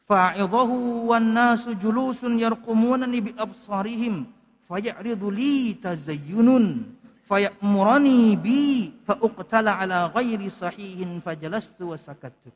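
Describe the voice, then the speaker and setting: Recorded in a large hall with the highs cut off, a high-pitched man teaches a kitab study. As an ustadz, he reads Arabic text and goes through it line by line in easygoing Indonesian.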